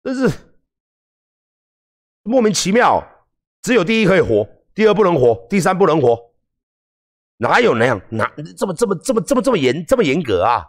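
Gravelly, heated Taiwanese man ranting. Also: high voice, normal speed, pauses often. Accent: Taiwanese Mandarin. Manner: heated, profane, swings between calm lecturing and yelling. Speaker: livestream host. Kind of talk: livestream rant.

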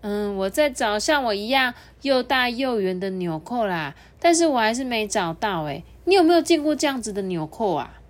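A woman's voice: sing-song, moderate pace, few pauses. A woman voicing a sweet lonely little red button. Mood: eager. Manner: high, childlike and pleading.

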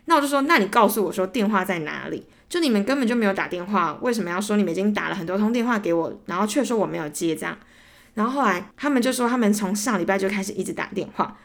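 A woman's voice: medium pitch, expressive, quick pace, creaky. A young woman with a Taiwanese Mandarin accent hosting a solo podcast, telling stories animatedly and acting out both sides of arguments, growing exasperated. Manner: gets heated and exasperated while retelling. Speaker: podcast host. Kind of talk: casual solo ranting storytelling.

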